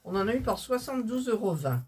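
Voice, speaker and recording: A woman's voice: a little high, very animated, fast, breathy edge. A woman chatting casually and jokingly as she hosts a shopping haul video, talking to her viewers. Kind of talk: casual chat, presenting purchases.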